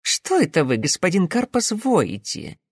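A man voicing a flustered, indignant gentleman who is easily offended, in an audiobook. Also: sits high, wildly swooping pitch, unhurried, gravelly, slightly rough, no echo, studio quality, pitched above the performer's own voice, exaggerated voice. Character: indignant, fussy gentleman Gunkin.

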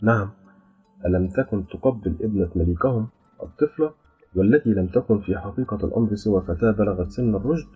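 A man's voice: on the low side, quick pace, slightly rough. A man voicing a beautiful, playful and proud young female jinn who speaks with a teasing, smiling delivery. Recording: dull lo-fi with faint music.

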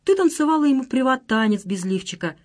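A spiteful young woman shrieks her taunts high and loud, as a female reader puts her on. The voice rides well above the reader's own and keeps a sneering, mocking edge. Audiobook reading. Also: very animated, fast talker. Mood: jeering spite. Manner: shrill, jeering shouts.

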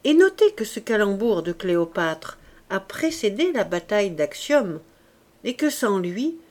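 A woman's voice: mid-range voice, darkish tone, close to an everyday voice. A woman reading an audiobook, voicing a pompous young man who lectures his friends in grand, sententious phrases.

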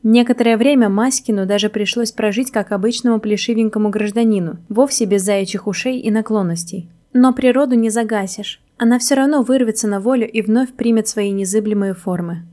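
A woman narrating a whimsical storybook in an even, wry reading manner. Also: a little high, brisk, hardly any pauses. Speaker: audiobook narrator.

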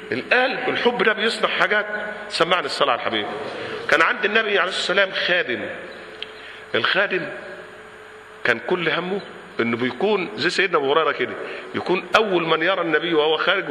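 A man preaching with an Egyptian Arabic accent, his voice high, bright and piercing. He questions the congregation and acts out little dialogues. The sound carries a long hall reverb. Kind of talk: colloquial sermon with Quran recitation. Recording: echoey hall recording with faint noise.

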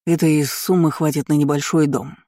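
A frightened middle-aged lord stammers his way through excuses, halting and slow, as a male narrator voices him. The voice sits mellow and dark, dry and close to the mic. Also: a little high, steady tone, dry recording, close to an everyday voice. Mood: stiff formal. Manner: stammering, then barking orders.

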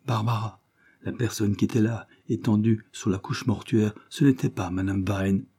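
A man's voice: fairly low pitch, fairly even intonation, normal speed, dark tone, husky. Man voicing a grave, solemn husband. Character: grave husband revealing a secret.

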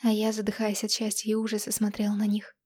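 A woman narrating a first-person romance audiobook in an intimate, dramatic way, often dropping to a hush. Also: medium pitch, monotone, quick pace.

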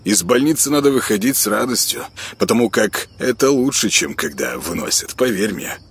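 A man's voice: fairly low pitch, lively intonation, moderate pace, slightly rough. A man voicing a pushy, cheerful young man who needles his friend, in an audiobook. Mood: teasing. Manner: teasing, pushy, upbeat.

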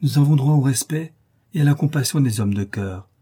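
A man's voice: medium pitch, brisk, mellow, breathy edge, voice pushed up, lightly acted. A man voicing a proud young noblewoman who speaks with grave, slightly haughty dignity. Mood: dignified.

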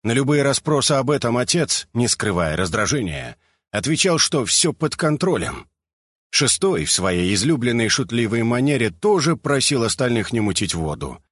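A man narrating an audiobook in an expressive storytelling manner. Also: mid-range voice, moderate pace, breathy edge, dry recording, clean studio sound.

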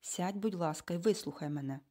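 A woman voicing a bossy, brisk adoptive mother in an audiobook, with an emphatic, commanding and impatient delivery. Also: lowish voice, mellow, natural voice. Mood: forceful. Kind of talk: audiobook character reading.

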